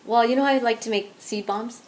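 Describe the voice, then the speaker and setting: A woman's voice: fairly high pitch, steady tone, brisk, a little hiss or hum, lightly acted, low-quality recording. An actress playing a young woman who tells a friend a long, rambling story, full of likes and ums, in naturalistic indie-film dialogue. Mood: animated.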